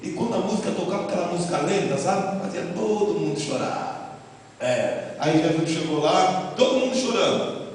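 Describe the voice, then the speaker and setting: Brazilian male pastor, high-pitched and fervent, preaching from afar in a reverberant church. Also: lively intonation, normal speed. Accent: Brazilian Portuguese. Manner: fervent, punctuated with exclamations of praise and rhetorical questions. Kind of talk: sermon. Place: church sanctuary. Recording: echoey hall from a distant mic.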